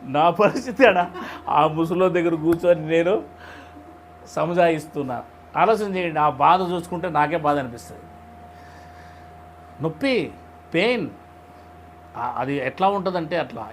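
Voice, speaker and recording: A man with a notably high voice gives a conversational sermon. He keeps turning to his listeners with rhetorical questions and tells stories in plain, everyday words. A faint noise hums softly underneath. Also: normal speed, long pauses. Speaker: preacher leading a Bible study.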